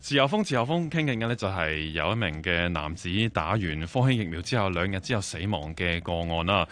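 A man with a Hong Kong Cantonese accent hosting a radio phone-in show, talking briskly and filling his sentences with particles. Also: low-pitched, animated, a bit bright, faint music behind. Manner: brisk, many filler particles. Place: radio studio.

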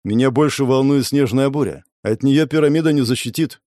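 A man's voice: mid-range voice, brisk, dark tone, no echo, studio quality, lightly acted. A man reading the part of a male brigade leader who speaks matter-of-factly but uneasily. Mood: uneasy.

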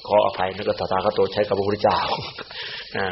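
A man, a Buddhist monk, giving a Dhamma sermon in an animated way. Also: on the low side, moderate pace, gravelly. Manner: animated, acts out other people's words in quoted voices. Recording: roomy, dull-sounding recording with faint hiss.

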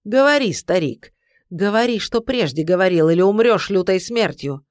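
A reader voicing an old tyrant tsar, with a dry, harsh, croaking voice and a mocking, commanding way of speaking. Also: medium pitch, expressive, normal speed, dry recording, natural voice. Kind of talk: audiobook character voice.

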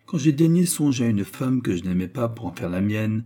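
A man voicing a calm, menacing baronet villain who lectures his accomplice in an audiobook reading. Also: mid-range voice, fairly quick, close to an everyday voice. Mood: cold menace.

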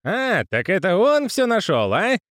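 Brief: man playing an old postman, high and squeaky, frantic and pleading, leaps all over his range. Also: sing-song, moderate pace, dry recording, studio quality. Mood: agitated. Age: older. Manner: shrill, agitated and pleading. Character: excitable, credulous old male postman.

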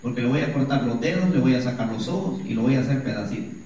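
A man's voice: mid-range voice, expressive, fast talker, dark tone, pitched below the performer's own voice, close to an everyday voice. Preacher guy doing a nasty young tyrant, threatening, big echoey room, far off mic. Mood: menacing. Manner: menacing, contemptuous. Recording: echoey church hall, distant dull mic.

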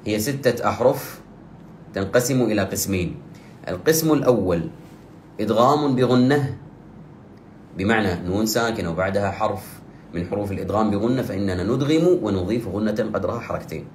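A man with a lowish voice teaches recitation rules, pausing to chant each example phrase slowly and repeat it. He sounds like he is in a roomy space that echoes, with a faint hiss of ambient noise behind him. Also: animated, a little mellow. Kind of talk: tajweed lesson with recited examples.

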